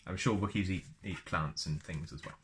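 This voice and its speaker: A deep-voiced man reads a book aloud like a storyteller, keeping a moderate pace. He's chatty and often drifts into casual personal asides. Background noise can be heard.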